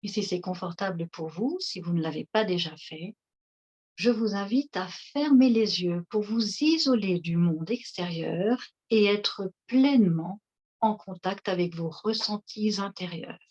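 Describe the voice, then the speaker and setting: Woman talking you through a chair relaxation, real slow and calm, kinda muffled lo-fi sound. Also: medium pitch. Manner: slow, soothing, instructive. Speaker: relaxation guide. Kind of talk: guided seated relaxation session. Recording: dull lo-fi recording.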